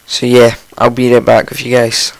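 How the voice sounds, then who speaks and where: A man with a croaky morning voice, casually commentating his own game, rambling and chatty with frequent ums and self-corrections. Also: mid-range voice, completely flat delivery, moderate pace, no echo, poor audio. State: just woken up, morning voice. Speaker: let's play host.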